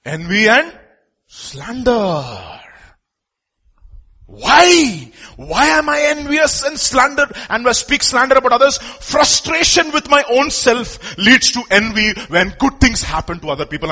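A man with an Indian accent and a husky voice preaching a sermon emphatically, repeating phrases and posing rhetorical questions. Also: extremely high pitch, very animated, unhurried, pushed and bright.

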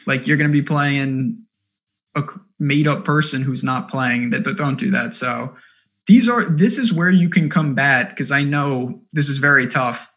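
A man co-hosting a fantasy basketball strategy show, talking casually in quick, animated bursts with lots of fillers. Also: mid-range voice. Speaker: co-host of a fantasy sports show. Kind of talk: casual analytical chat.

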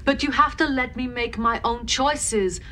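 An actress playing a composed adult daughter serving on a starship, speaking firmly and earnestly. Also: female voice, on the high side, a little slow, bright, forceful tone, a little hiss or hum. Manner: firm, earnest.

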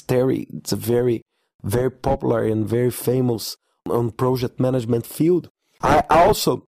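A man with a hoarse, cold-roughened voice hosts a podcast over a low-quality audio stream. His pitch sits in a middle range, and the sound is dry and close. He speaks haltingly, with repeated words and fillers. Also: darkish tone, no echo. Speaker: podcast host. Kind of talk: conference report podcast.

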